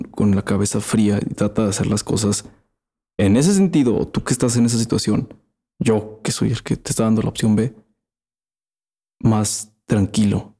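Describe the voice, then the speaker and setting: A man's voice: lowish voice, dark tone. A man with a Mexican accent hosting a casual monologue, rambling in crude slang and often trailing off and restarting. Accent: Mexican Spanish. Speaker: podcast host.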